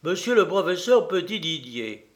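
A man voicing an excitable, boastful fencing master in an audiobook, loud and theatrical. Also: sits high, moderate pace. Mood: eager. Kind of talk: audiobook character voice.

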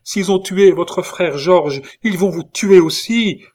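A man's voice: fairly even intonation, a little slow, lightly acted. A man voicing a young woman in love, anguished and desperate, speaking in a raised, pleading voice in a storybook reading. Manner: raised pitch, pleading and emotional.

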